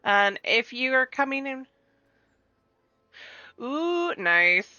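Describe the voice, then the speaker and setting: A woman hosting a live game stream, chatting casually and reading game text aloud in an expressive way. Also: sits high, very slow, no echo, dull audio. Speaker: streamer and host. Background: game music.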